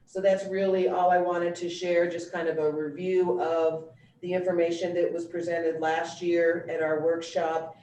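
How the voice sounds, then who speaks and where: A woman giving an informal, explanatory presentation in a measured, matter-of-fact way. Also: fairly low pitch, flat delivery, warm tone. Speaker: school district finance presenter. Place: meeting room, relayed over a video call. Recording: echoey room, distant mic, faint noise.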